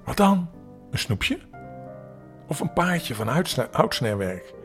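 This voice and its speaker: An older man voicing a poor, hopeful eight-year-old boy in a storybook, his voice lifted higher. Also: big pitch swings, takes it slowly, faint music behind. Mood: eager.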